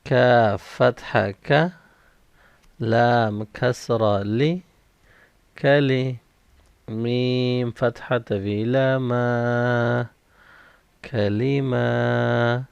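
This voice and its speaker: Slow, clear male Quran reading teacher. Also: mid-range voice, steady tone, dry recording. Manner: spells out each letter and vowel, then blends the syllables slowly. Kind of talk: slow syllable-by-syllable recitation drill. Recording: dull, slightly lo-fi dry recording.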